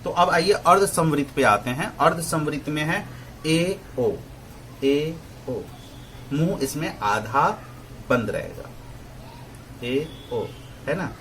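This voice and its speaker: A man giving a pronunciation lesson, demonstrating vowel sounds slowly and often checking in with his listeners. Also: fairly high pitch, lively intonation, fairly bright tone, slight background noise. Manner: digresses into opinionated asides. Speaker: Hindi pronunciation teacher. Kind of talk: lecture explaining vowel articulation.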